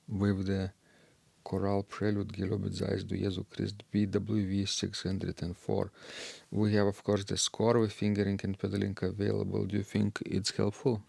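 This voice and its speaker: A man co-hosting a talk about organ music, speaking slowly and hesitantly with many fillers. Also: on the low side, little pitch movement, gravelly, darkish tone, breathy edge, dry recording. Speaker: podcast co-host discussing organ music. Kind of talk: casual discussion.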